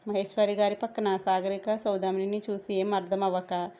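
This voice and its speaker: A woman's voice: mid-range voice, flat delivery, moderate pace, dark tone. A woman narrating a scripted romance story and voicing every character herself.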